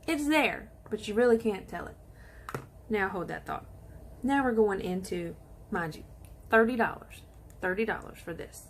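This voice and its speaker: A woman chatting excitedly to viewers while she does her makeup in a casual tutorial. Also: mid-range voice, a little hiss or hum. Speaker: beauty vlogger.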